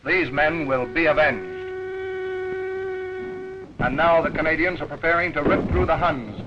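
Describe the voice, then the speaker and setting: A man's voice: a little high, very noisy. Man narrating an old newsreel. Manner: brisk, emphatic announcer delivery. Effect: old 1940s newsreel sound. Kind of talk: scripted wartime newsreel narration. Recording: dull lo-fi 1940s newsreel soundtrack with music.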